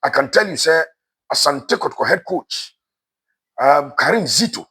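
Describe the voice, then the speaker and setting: Husky Ghanaian man talking football news. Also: a little high, expressive, normal speed, sharp tone. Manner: switches between Twi and English, frequent "eh" fillers. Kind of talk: casual sports news commentary.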